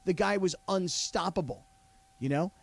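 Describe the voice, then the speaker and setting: On a sports talk radio show, a male co-host engages in animated studio banter, often interrupting and repeating himself. He has a high voice with vocal fry, talks at normal speed, and is recorded on a studio mic.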